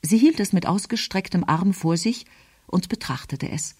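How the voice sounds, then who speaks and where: A woman narrating a novel in calm, even storytelling. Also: fairly low pitch, moderate pace, husky, dry recording, clean studio sound. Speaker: audiobook narrator. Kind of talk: scripted narration.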